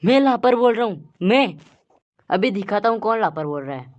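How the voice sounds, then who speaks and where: A woman's voice: fairly high pitch, expressive, moderate pace, lo-fi sound, heavy background noise, close to an everyday voice. A woman voicing a fussy, easily offended male village schoolteacher who speaks primly and complains. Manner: prim, complaining.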